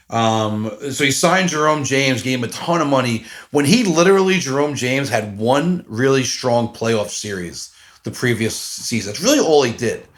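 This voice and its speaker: A man in his 40s hosts a casual solo podcast monologue in a mid-range, somewhat bright voice. He rambles and is self-deprecating, with lots of fillers and restarts.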